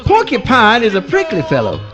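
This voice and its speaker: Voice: medium pitch, huge pitch swings, fairly quick, highs cut off, over music. An actor voicing a mild-mannered male possum in folksy swamp dialect with mangled grammar, in a live radio play. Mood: folksy narrating.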